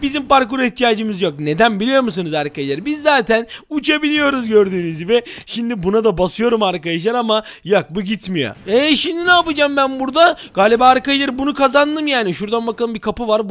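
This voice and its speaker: A young man giving excited, loud gameplay commentary to his viewers, full of exclamations. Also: high voice, quick pace, hardly any pauses. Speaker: gaming YouTuber.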